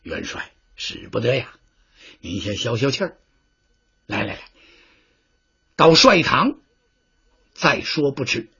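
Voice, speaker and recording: Hushed, coaxing strategist Chen Xi, voiced by a storyteller. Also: male voice, fairly high pitch, wildly swooping pitch, normal speed, long pauses, husky, heavily acted. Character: cautious soft-spoken male strategist. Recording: dull lo-fi recording.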